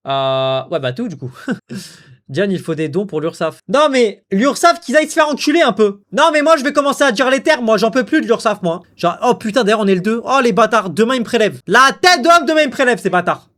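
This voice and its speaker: A young man streams live, riffing and joking with his viewers in a rowdy, slangy way. His voice sits high. It swings up and down with lively energy. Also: a little fast. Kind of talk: casual live-stream chat.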